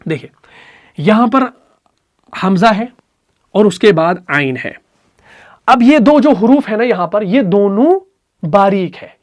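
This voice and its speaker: A man with an Urdu accent teaching Quran recitation rules, patiently repeating letters and sounds slowly. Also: high voice. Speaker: tajweed teacher.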